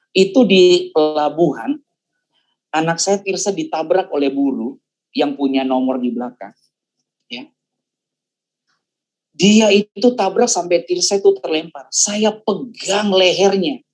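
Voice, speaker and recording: An older man, a pastor, giving a sermon testimony and telling a story in a lively way. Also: sits high, poor audio. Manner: animated storytelling, acts out quoted voices.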